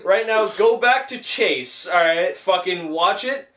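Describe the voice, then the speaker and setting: A man's voice: high voice, measured pace, pushed and bright. A young man hosting a casual podcast, rambling with lots of fillers and swearing. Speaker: podcast host and filmmaker. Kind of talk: casual chat. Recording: echoey room, far from mic.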